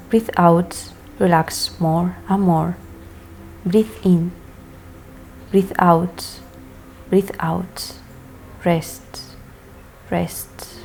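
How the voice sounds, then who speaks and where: A woman instructor reading scripted lesson narration in a measured, deliberate way, setting out each step separately. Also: medium pitch, darkish tone, a little hiss or hum. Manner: measured, deliberate, enunciating list items one by one. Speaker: hypnosis course instructor.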